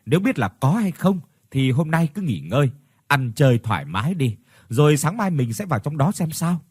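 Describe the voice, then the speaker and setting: An eager young man rallying his friends, persuasive and keen, as a male storyteller voices him. His husky voice moves around a lot, recorded dry and close. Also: on the high side, very animated, moderate pace, no echo.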